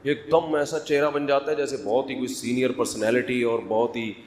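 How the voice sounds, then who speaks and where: A man's voice: mid-range voice, flat delivery, noisy background. A middle-aged man, preaching in a conversational sermon, prodding listeners for answers and joking. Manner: conversational, humorous, prods the audience for answers. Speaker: religious scholar.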